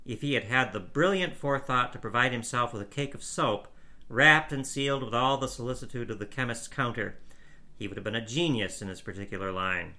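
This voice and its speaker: A cool, judicious gentleman weighs every word in a dry, measured manner, played by a male reader. His voice is bright and clear, close to the reader's own, and he speaks with the level pace of a storybook reading. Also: mid-range voice. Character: calm, judicious gentleman on a park bench.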